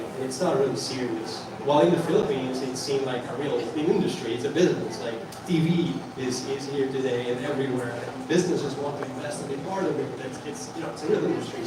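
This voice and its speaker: A man born in Italy and raised in Belgium, a documentary filmmaker earnestly explaining his views in a press Q&A. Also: medium pitch. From Italy, grew up in Belgium. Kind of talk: press Q&A answers. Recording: echoey room, distant mic, noisy.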